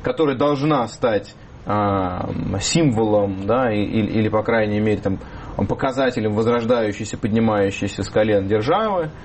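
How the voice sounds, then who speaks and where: A man appearing as a talk show guest, speaking haltingly with many hesitations and restarts. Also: fairly low pitch, slight background noise. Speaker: studio guest.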